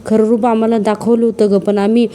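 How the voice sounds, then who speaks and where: A hurt mother scolds reproachfully, as a woman reads her lines. The voice is low and mellow. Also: flat delivery, quick pace, close to an everyday voice. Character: wounded middle-aged mother, scolding.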